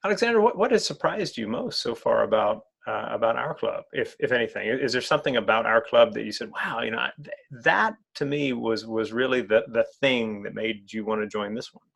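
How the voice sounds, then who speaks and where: A man's voice: medium pitch, expressive, fairly quick, gravelly, a bit bright, slightly rough. A man interviewing a guest in an online club meeting, who often repeats words while searching for phrasing.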